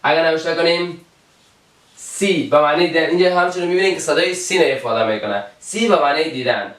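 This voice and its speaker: Male teacher with an Afghan Dari accent, slightly high, patient and repetitive, mic set back in an echoey room. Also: fairly bright tone. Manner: slow, repeats each example word. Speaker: English teacher. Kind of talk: alphabet pronunciation lesson. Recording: roomy, from a distance.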